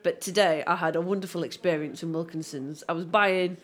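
A woman's voice: lowish voice, brisk. Chatty woman co-host, giggly and loose-tongued. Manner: chatty, laughs often, swears casually. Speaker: podcast co-host. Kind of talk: casual chat.

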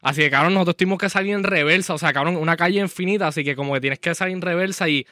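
A man's voice: sits high, rapid-fire, bright, forceful tone, no room sound, clean studio sound. A young man with a Puerto Rican accent telling a story animatedly on a podcast, swearing constantly. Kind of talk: casual podcast chat.

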